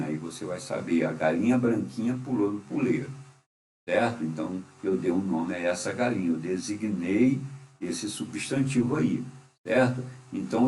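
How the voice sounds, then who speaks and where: A man's voice: deep voice, warm tone. A man teaching a grammar lesson, patient and repetitive, often checking in with the listener. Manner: patient, repeats and checks with "certo?". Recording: echoey room, faint hum.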